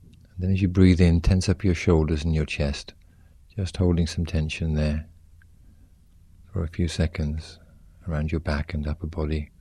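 A man with a low, dark voice guides a relaxation exercise. He gives soothing, gentle instructions in short phrases. The sound is close and very dry. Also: flat delivery, normal speed, long pauses, slightly rough, no echo. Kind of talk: guided progressive muscle relaxation.

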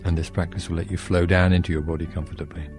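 A man guiding a sleep meditation in a slow, soft, soothing way. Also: sits low, level tone, music in the background.

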